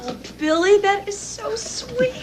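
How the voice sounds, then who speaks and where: Girlfriend in TV comedy-drama: high, animated, tender, teasing, a little world-weary. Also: moderate pace, heavy background noise. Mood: tender, grateful. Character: weary but affectionate, apologetic girlfriend. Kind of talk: television comedy-drama acting.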